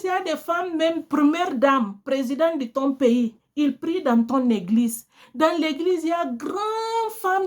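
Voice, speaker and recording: Her voice sits high as she preaches, a woman with Portuguese as her first language urging her listeners earnestly and speaking to them directly.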